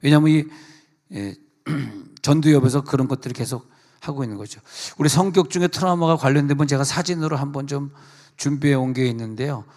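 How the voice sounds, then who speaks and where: A senior pastor giving a chatty sermon at a prayer meeting, teasing the congregation and acting out quotes. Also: male voice, mid-range voice, brisk, a little mellow. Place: church sanctuary. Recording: reverberant church hall.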